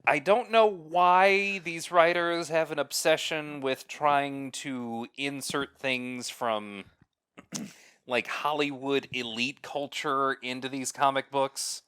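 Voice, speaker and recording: A man co-hosting a casual podcast, talking slowly with many fillers and wry complaints. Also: medium pitch, steady tone, fairly bright tone, clear, resonant tone, dry recording, studio quality. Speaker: podcast co-host.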